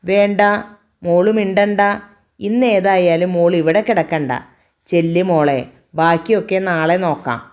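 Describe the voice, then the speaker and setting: A woman voicing a loving middle-aged father who speaks in a soft, reassuring way. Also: fairly low pitch, fairly even intonation, unhurried, close to an everyday voice. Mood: tender.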